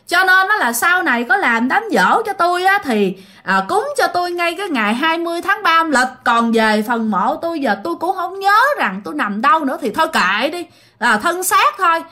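A woman's voice: big pitch swings, moderate pace, sharp tone, exaggerated voice. Woman doing a wailing ghost uncle. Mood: insistent. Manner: high, wailing, insistent. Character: restless ghost of a middle-aged male uncle, agitated and pleading.

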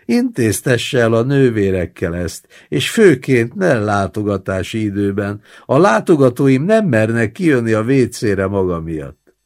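A man's voice: lowish voice, big pitch swings, a little mellow. A man voicing an irritated male hospital roommate who scolds and complains. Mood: scolding.

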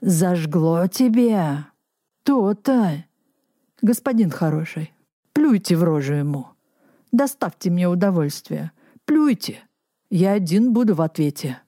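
A woman's voice: fairly low pitch, animated, mellow, dry recording, studio quality. A woman voicing a wailing, pleading old peasant man who draws out his begging. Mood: gloating. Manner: whining and imploring, drawn-out.

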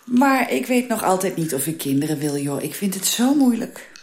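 A woman's voice: medium pitch, very animated, moderate pace, a little mellow, echoey room. A woman playing a curious office colleague in a radio drama, asking a lot of questions.

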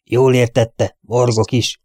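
A man's voice: medium pitch, level tone, a little mellow, no room sound, clean studio sound, lightly acted. A man voicing a grumpy seventy-year-old butler who keeps talking back. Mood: grumbling. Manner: grumpy, indignant, talks back.

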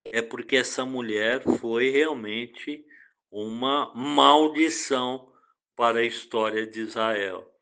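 A male pastor with a Brazilian Portuguese accent leads a devotional Bible reading. He speaks very slowly and deliberately, pausing often between phrases. His voice sits at an ordinary middle pitch for a man. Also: gravelly, fairly bright tone, clear, resonant tone. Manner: slow, deliberate, reads scripture aloud with pauses.

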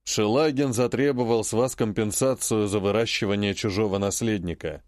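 A man's voice: lowish voice, steady tone, normal speed, darkish tone, dry recording, studio quality, lightly acted. A man playing a stubborn sarcastic emperor. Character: stubborn, sarcastic male emperor, cold and unyielding.

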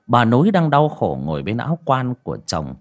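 A man's voice: medium pitch, huge pitch swings, fairly quick, soft background music. A man narrating a ghost story as an audiobook, with dramatic delivery.

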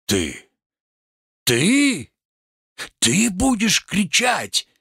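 A man's voice: medium pitch, sing-song, creaky, fairly bright tone, breathy edge, dry recording, studio quality, exaggerated voice. A man declaiming as a pompous raging tragic actor. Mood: grandiloquent. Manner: declamatory, thundering, drawn-out grand phrases. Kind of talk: reading a stage play aloud.

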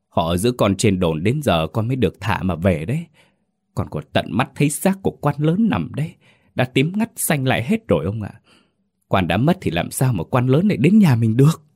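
A man's voice: on the low side, darkish tone, breathy edge, no room sound, studio quality. A man voicing a terrified skinny young servant who stammers and pleads with his master.

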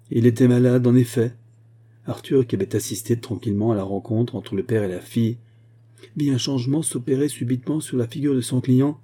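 A man narrating a classic novel in a steady, measured audiobook reading. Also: fairly low pitch, husky.

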